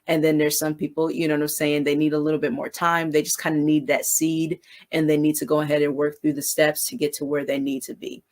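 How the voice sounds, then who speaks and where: A woman mentor giving a casual, high-energy devotional talk on business relationships, often asking "you know what I'm saying". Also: little pitch movement, fairly quick, few pauses, a little mellow. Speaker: faith-based business mentor.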